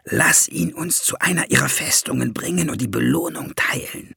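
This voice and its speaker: A sneering little dwarf, put on by a male narrator, all mocking glee and greedy scheming, his voice pitched up high and swooping. A gravelly, husky edge sits under it, recorded close and dry for an audiobook. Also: wildly swooping pitch, takes it slowly, bright, forceful tone, no echo, exaggerated voice. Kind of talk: audiobook character voice.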